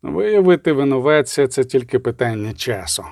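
Sinister cold male assassin, voiced by a man, sardonic, mellow tone, dry sound. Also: on the high side, expressive, normal speed, dry recording. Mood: menacing. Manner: menacing, sardonic.

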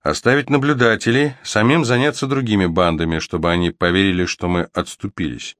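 A calculating male commander talks through his battle plan in a measured, persuasive way, voiced by a man reading the book. His voice sits a little low and is recorded dry and close. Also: fairly even intonation, fairly bright tone, no echo. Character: calculating male army commander, cool and strategic.

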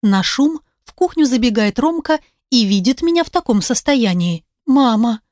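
Higher-pitched woman narrating an audiobook. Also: moderate pace, dry recording, studio quality. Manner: lively, expressive storytelling with voiced dialogue. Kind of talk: first-person audiobook narration.

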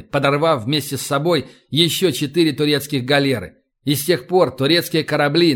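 A male audiobook narrator with a steady, measured delivery. His voice sits somewhat higher than most men's. He reads scripted prose throughout.

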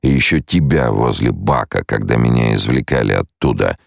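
Audiobook role: a loyal male swordmaster, terse and restrained, read by a man with a very deep, dry voice. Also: moderate pace, gravelly, no room sound, full character voice.

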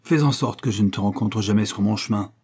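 A man's voice: fairly low pitch, moderate pace, mellow, close to an everyday voice. A man reading the part of a domineering old inventor who scolds his son in an audiobook. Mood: furious. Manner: commanding, heated. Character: domineering old male inventor, quick-tempered father.

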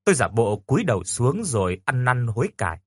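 A man narrating a first-person romance story in a lively way, stammering when his characters speak. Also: medium pitch, brisk, breathy edge, no room sound.

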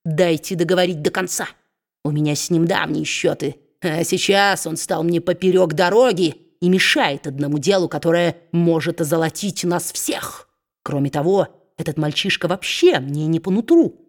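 A woman voicing a spiteful, boisterous male dwarf who talks slowly and sneers. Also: on the low side. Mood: sneering.

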